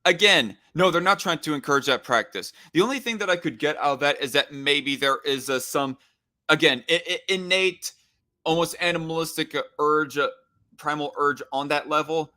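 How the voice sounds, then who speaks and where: A man giving off-the-cuff reaction commentary in a blunt, argumentative way, often halting to search for words. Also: on the high side, pushed and bright. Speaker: commentator responding to a played discussion.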